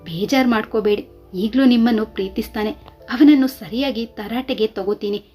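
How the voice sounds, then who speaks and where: A woman's voice: on the high side, normal speed, dark tone, faint music behind, natural voice. A woman voicing a caring male friend who reassures and scolds plainly, in a storybook reading. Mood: reassuring.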